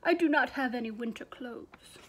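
A woman's voice: on the high side, moderate pace, slight background noise, lightly acted. A woman voicing grumpy storybook Toad. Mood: grumbling. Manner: loud, complaining storybook delivery. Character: grumpy, sleepy male toad who loves bed.

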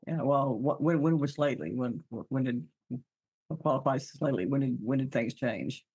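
A man playing a tabletop game, speaking haltingly with many fillers and restarts. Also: medium pitch, darkish tone, breathy edge, no echo, poor audio. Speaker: player. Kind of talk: casual tabletop game talk, partly in character.

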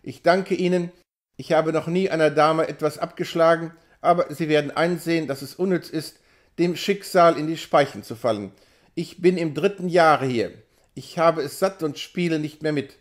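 A man's voice: a little high, moderate pace, natural voice. A man reading an audiobook, voicing a brash, cynical young male patient with a nonchalant, mocking drawl. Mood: weary defiant.

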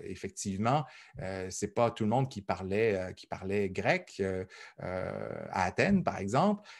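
A man's voice: on the low side, a little mellow. A man giving a university lecture, talking in a conversational way, with many fillers and repeated words. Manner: conversational, thinks aloud. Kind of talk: recorded lecture.

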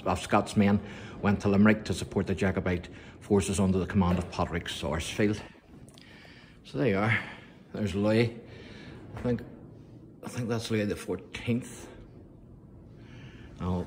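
A middle-aged man with a voice on the low side tours an indoor museum exhibit room, filming a walkthrough on his phone as a vlogger. He reads the display panels aloud with small stumbles and casual asides, with slight background noise in the recording.

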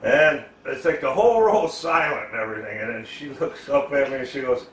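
A man's voice: mid-range voice, animated, a little fast, fairly bright tone, a little hiss or hum. A man telling a rambling, profanity-filled story in a casual style while he cooks at home. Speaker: cooking vlogger. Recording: echoey room, voice far from the mic.

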